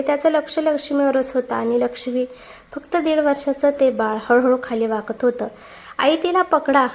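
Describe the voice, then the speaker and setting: A woman narrates an emotional family story in a steady, feeling read. Her voice sits fairly high. The tone suits a storybook drama.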